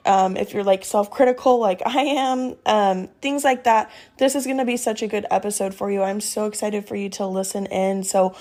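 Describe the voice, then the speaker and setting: A woman's voice: mid-range voice, moderate pace, hardly any pauses, mellow. A young adult woman hosting a podcast in casual chat, bubbly and upbeat, with lots of "like" and "um". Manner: bubbly, upbeat, filler-heavy with "like" and "um". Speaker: podcast host.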